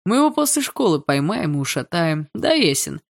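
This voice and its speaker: A man's voice: fairly high pitch, big pitch swings, moderate pace, gravelly. A woman voicing a laddish teenage schoolboy who jeers at others. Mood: jeering. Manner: jeering.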